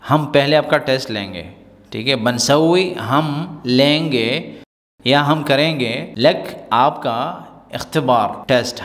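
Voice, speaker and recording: A man teaching colloquial Arabic phrases, explaining in Urdu and repeating each phrase slowly for learners to copy. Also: a little high, a bit bright, in a large hall.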